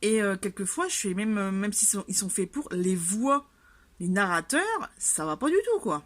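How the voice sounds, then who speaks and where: A woman's voice: medium pitch, normal speed. A woman chatting casually in a vlog, rambling with many fillers and restarts and sounding exasperated. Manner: exasperated and animated about the subject. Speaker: vlogger. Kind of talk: casual chat.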